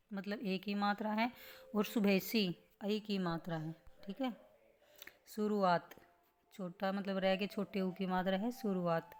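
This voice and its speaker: Woman teacher going through spelling rules, keeps asking "what is it then" and answering it, patient. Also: mid-range voice. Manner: explains patiently with rhetorical questions and "theek hai". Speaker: Hindi grammar teacher. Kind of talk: spelling lesson for exam students.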